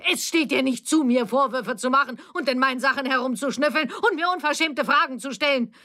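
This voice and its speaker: Eine Frau spricht in einer Hörbuchlesung eine verbitterte ältere Mutter mit vorwurfsvollem, schneidendem Ton. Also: female voice, medium pitch, a little fast, lightly acted. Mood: reproachful. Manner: reproachful, cutting. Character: bitter, defensive older mother.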